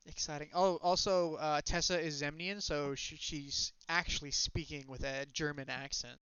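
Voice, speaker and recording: A man's voice: a little high, steady tone, normal speed, pushed and bright, clear, resonant tone, no room sound. Rambling man on a dull call. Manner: rambling, filler-heavy. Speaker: tabletop game player. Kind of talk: casual chat.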